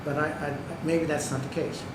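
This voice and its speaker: His delivery is flat, his pitch fairly high, and his pace moderate as he gives public comment at a county meeting. He stresses his points emphatically and checks in with "okay" and "right." The recording, made in a county government meeting room, is echoey with background noise.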